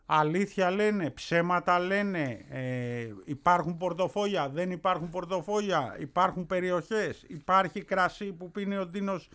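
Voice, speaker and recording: A man's voice: high-pitched, hardly any pauses, fairly bright tone. A man hosting a radio show, chatting casually and introducing an old film. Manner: chatty, lots of filler "έτσι". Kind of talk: casual chat, presenting a film clip.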